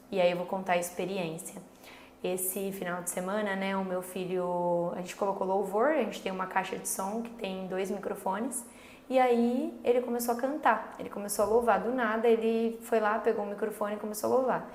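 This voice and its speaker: A Brazilian woman in her thirties telling a faith story about her son in an earnest, slow, casual way, full of little filler tags. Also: mid-range voice. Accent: Brazilian Portuguese. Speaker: mother sharing a faith story. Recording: echoey room with faint background noise.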